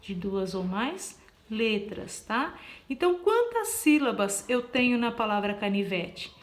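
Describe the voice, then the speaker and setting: In an echoey room, a woman teacher patiently explains a lesson, spelling out letters one by one, counting aloud and checking in with "tá?". Her voice is on the high side with big pitch swings, and she speaks a little slowly.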